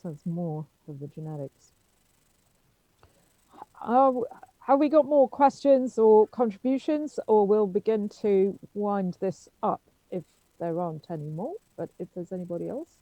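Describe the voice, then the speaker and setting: A woman's voice: mid-range voice, expressive, measured pace, warm tone, no echo, muffled recording. A woman chairing an academic seminar. She speaks hesitantly, with many ums and restarts. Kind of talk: academic discussion.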